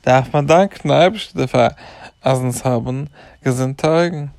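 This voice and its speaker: A man's voice: medium pitch, normal speed, vocal fry, a little mellow, no room sound. A middle-aged man, a rabbi, patiently explaining to a child and listing things with devout, repeated thanks.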